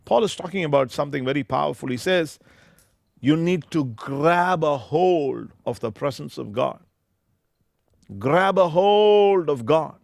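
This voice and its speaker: Slow-preaching pastor at a pulpit mic. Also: male voice, on the high side, animated, vocal fry, dry recording, studio quality. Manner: emphatic, stretches out scripture phrases word by word. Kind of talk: preaching a sermon. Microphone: pulpit microphone.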